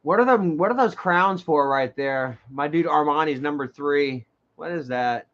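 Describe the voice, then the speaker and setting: A man's voice: on the high side, normal speed, fairly bright tone, dull audio. A man, rambling and swearing in a casual live stream, often restarting his sentences. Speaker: livestream host.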